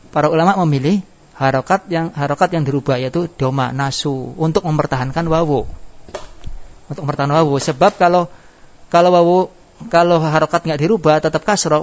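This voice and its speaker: Pitched on the high side and speaking fairly quickly, a male teacher takes his class through grammar step by step. He asks them questions only to answer them himself, heard in a dull, lo-fi classroom recording.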